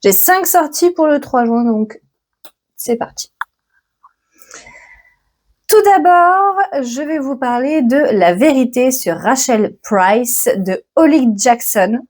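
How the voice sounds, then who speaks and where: Woman host of a book channel with a fairly high voice, talking casually and thinking aloud. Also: lively intonation, takes it slowly, pauses often, a little mellow. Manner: chatty, self-mocking, thinks aloud. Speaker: book vlogger. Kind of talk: casual chat about new books.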